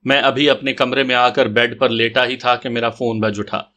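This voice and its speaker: Told from a first-person perspective, this detective audio tale is read in a steady, scripted way by a male narrator whose voice sits in the mid range.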